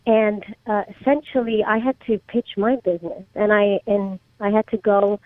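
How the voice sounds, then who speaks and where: A woman in her thirties talks through her answers on a tinny, phone-like line. She is from the Czech Republic and often pauses and restarts her sentences. The sound is dry, with no room around it. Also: mid-range voice, fairly even intonation, no echo. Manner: hesitant, many restarts and fillers. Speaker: startup guest. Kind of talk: casual interview answers.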